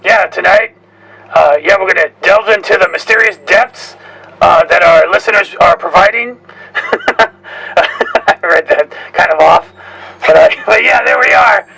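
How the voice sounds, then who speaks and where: A man chatting casually on a podcast in a hesitant, halting way with many pauses. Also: high-pitched, wildly swooping pitch, creaky, a crowd in the background, rough recording. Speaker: podcast co-host and caller. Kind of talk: casual chat. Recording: faint background noise.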